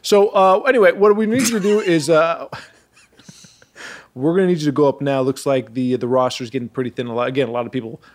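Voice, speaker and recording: A man's voice: medium pitch, brisk, close to an everyday voice. A man playing a flustered, casual competition official in an improvised comedy sketch, with a hesitant, rambling delivery. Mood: flustered, amused.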